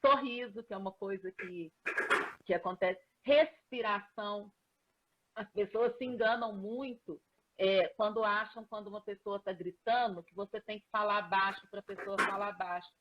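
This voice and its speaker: A woman, a coach explaining ideas in a live online chat, often pausing on filler sounds. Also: medium pitch, steady tone, lo-fi sound, a little hiss or hum. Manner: explanatory, with frequent hesitation fillers. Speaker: professional coach, guest. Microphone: video call.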